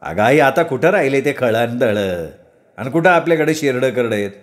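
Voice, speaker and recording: A man's voice: mid-range voice, lively intonation, fairly quick, natural voice. A man voicing a brash young village man who brushes off his mother in rustic speech. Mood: boastful. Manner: dismissive, offhand, rustic speech.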